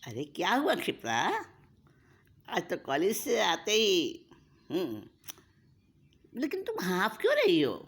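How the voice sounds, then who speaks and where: A woman playing a patient older sister, soothing and coaxing, low husky voice, slow. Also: huge pitch swings, heavily acted. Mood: concerned.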